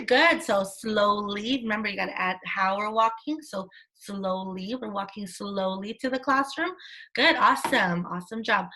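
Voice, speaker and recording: Woman, teacher, video call, young class, higher voice, sing-song encouragement. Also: sharp tone. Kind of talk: online class lesson for children. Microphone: laptop mic on a video call.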